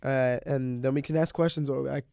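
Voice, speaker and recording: A man's voice: medium pitch, fairly even intonation, fairly quick, gravelly, dark tone, dry recording, clean studio sound. A young man talking casually as a co-host on a podcast. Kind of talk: casual chat.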